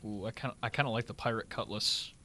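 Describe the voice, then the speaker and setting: A man's voice: fairly low pitch, fairly even intonation, fast talker, bright, forceful tone. A man giving sarcastic, joking commentary as he plays a game live. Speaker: streamer.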